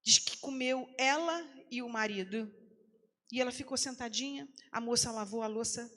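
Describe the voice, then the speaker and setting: A woman's voice: fairly high pitch, moderate pace, bright, forceful tone. A woman pastor telling a testimony in a sermon, acting out the voices in the quoted lines. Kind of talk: sermon storytelling. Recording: long hall reverb.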